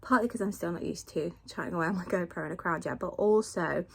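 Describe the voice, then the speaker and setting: A woman's voice: fairly low pitch, quick pace, gravelly, slightly rough. A woman, chatting casually to camera in a rambling way with lots of fillers, recorded as a phone video held at arm's length. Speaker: family vlogger.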